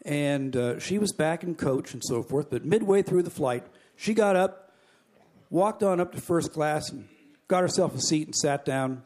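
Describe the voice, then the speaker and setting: Middle-aged man, after-dinner speaker, folksy joke-teller, somewhat high voice. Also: lively intonation, normal speed, darkish tone. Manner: folksy joke-telling with chuckles. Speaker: convention speaker. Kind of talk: after-dinner jokes and speech. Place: banquet hall.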